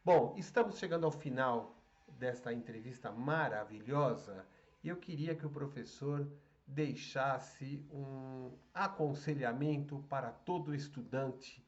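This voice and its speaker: Measured male interviewer, lo-fi sound. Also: mid-range voice. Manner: slow, measured, reflective questions. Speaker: interviewer host. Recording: dull lo-fi audio.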